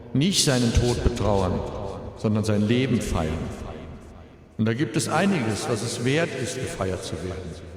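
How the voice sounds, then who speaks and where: Middle-aged man's eulogy, heavily echoing hall. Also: medium pitch. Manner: measured, solemn delivery with dry humour and deliberate pauses. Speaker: bereaved father giving a eulogy. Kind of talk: funeral eulogy. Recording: very echoey hall, long reverb.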